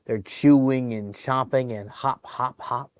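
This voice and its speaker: Reading a picture book to young children at a public library, this man speaks slowly and clearly in a medium-pitched, resonant voice, captured in a dry recording. He's animated and encouraging, breaking off for chatty asides that explain the pictures.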